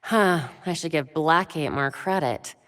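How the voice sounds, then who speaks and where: A young adult actress with a low, fairly bright voice delivers scripted video game lines at an unhurried pace in a dry recording. She plays a witty, determined young female vigilante and detective, sounding wry, earnest, and focused.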